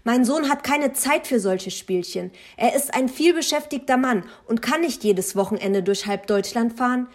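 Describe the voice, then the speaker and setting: A woman's voice: on the high side, normal speed, hardly any pauses, voice pushed up, close to an everyday voice. A woman voicing a haughty older grandmother who scolds indignantly in an audiobook.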